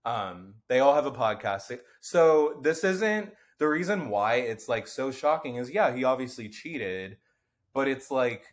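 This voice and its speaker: Man, podcast co-host, casual chat, nasal, rambling, swears a lot, medium pitch. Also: lively intonation, a little slow. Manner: rambling, swears freely, many fillers.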